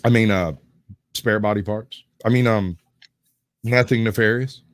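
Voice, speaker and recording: A man's voice: fairly low pitch, steady tone, a little slow, no room sound, studio quality. A man with a Southern US accent hosting a live stream in a casual, folksy, joking and rambling way.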